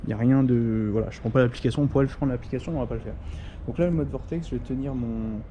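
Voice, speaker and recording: A young man casually demos a gimbal for a tech review in a small courtyard outdoors, rambling with many fillers and restarts at a quick pace. His mid-range voice has a dark tone, and the recording is muffled with a bit of hiss or hum.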